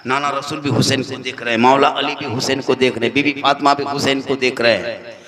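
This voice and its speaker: A man preaching a devotional sermon, telling a story in rhythmic repeated lines and swinging from hushed tones to loud declamation before a live audience. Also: medium pitch, fairly even intonation, fairly quick. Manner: repetitive rhythmic listing. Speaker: Islamic preacher. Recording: live gathering with an audible crowd.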